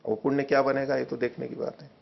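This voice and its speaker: Man with a gravelly voice, teaching. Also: medium pitch, level tone, fast. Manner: explanatory, questions a student pointedly. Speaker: teacher of scripture. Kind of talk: spoken lecture on philosophy. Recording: dull lo-fi recording.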